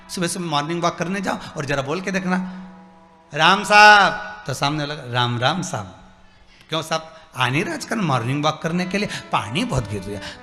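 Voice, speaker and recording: Male preacher, fairly high, bright voice, live sermon in a reverberant hall with music under it. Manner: animated, acts out dialogue and asks the crowd questions. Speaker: religious storyteller. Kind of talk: devotional sermon with storytelling.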